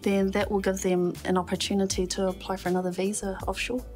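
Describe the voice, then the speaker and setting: A woman official gives interview answers in a measured, formal manner. Her voice sits mid-range, with faint music behind. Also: medium pitch, level tone, darkish tone. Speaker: immigration official.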